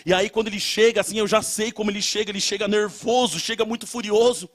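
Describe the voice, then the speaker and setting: A young man preaching, telling a testimony and rising into loud shouted prayer. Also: high-pitched, steady tone, fast talker. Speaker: pastor. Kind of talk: sermon.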